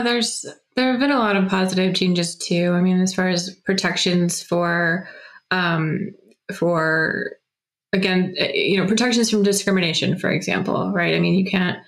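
A woman guest in a casual conversation, explaining her views in a measured way. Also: fairly low pitch, fairly even intonation, a bit bright.

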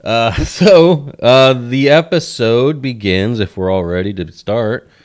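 A man's voice: medium pitch, slow pace. A young man hosting a podcast in laid-back casual chat, laughing often as he walks through an episode. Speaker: podcast host.

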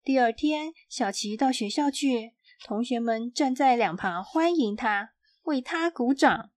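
A woman reads a children's storybook aloud, clear and expressive. She takes her time over every phrase, in a fairly high voice. The sound is close and dry, with no room echo. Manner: slow, clear, expressive reading.

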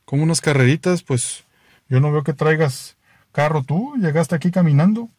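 A man's voice: a little high, normal speed, darkish tone, no echo, clean studio sound, close to an everyday voice. A man with a Mexican accent voicing a baffled young driver with a new sports car, who fires off exasperated, disbelieving questions. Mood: skeptical.

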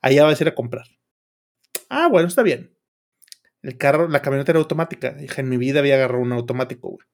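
A man's voice: mid-range voice, lively intonation, fast, gravelly, long pauses. A man with a Mexican accent, casually telling a story on a podcast in a swearing, slang-heavy way packed with filler words. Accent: Mexican Spanish. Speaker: podcast co-host.

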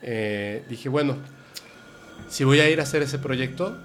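A man's voice: medium pitch, a little slow, slight background noise. A man with a Mexican accent hosting a podcast, chatting casually and retelling conversations with friends. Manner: animated storyteller, quotes friends. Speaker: podcast host. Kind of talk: casual chat.

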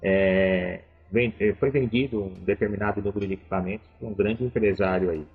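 Man, deep raspy voice, measured anecdote, tinny distant audio. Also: soft background music. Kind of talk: casual chat. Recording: thin, phone-like sound from off-mic.

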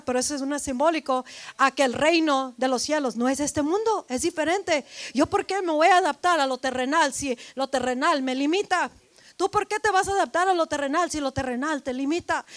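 High-voiced woman pastor preaching fervently. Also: dry recording. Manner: impassioned preaching, rising to loud emphatic repetitions; switches briefly into English phrases. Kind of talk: sermon.

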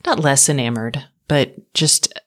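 Low-voiced woman chatting tech news on a podcast, frank and dry, trails off. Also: lively intonation, a little slow. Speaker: podcast co-host. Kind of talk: casual tech podcast chat.

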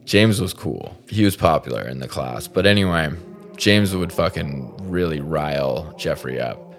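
With a rumbling low voice at a measured pace, this man hosts a podcast over soft background music. Hailing from the Salt Lake area, he spins a humorous story casually, swears without holding back, and is animated and self-deprecating.

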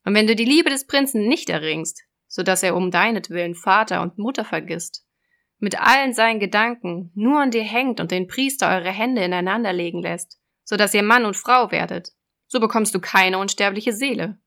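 A woman voicing a cruel, scheming old sea witch in a storybook reading, loud and sneering. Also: mid-range voice, normal speed, lightly acted. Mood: menacing, sneering.

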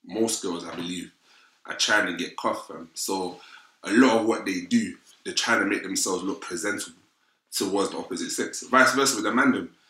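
Low, bright-voiced London roadman. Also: moderate pace. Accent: London, urban street style. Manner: London roadman slang, frequent "fam" and "innit". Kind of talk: casual opinionated chat. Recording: roomy, echoing sound.

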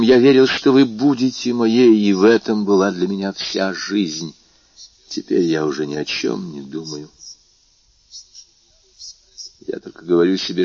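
A solemn young lover from a classic novel, read by a man in his own voice: low, gravelly and calm, with a hushed, resigned gravity. The recording is dull and lo-fi. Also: slight background noise, close to an everyday voice.

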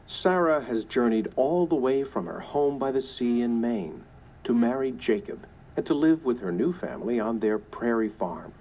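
A man reading a scripted introduction to a story in an even, measured way. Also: medium pitch, low-quality recording. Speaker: audiobook narrator.

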